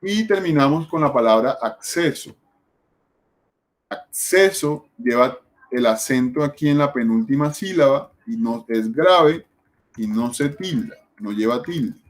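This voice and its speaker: Man, teacher, patient step-by-step explaining, mid-pitched voice. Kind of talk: classroom lesson on spelling.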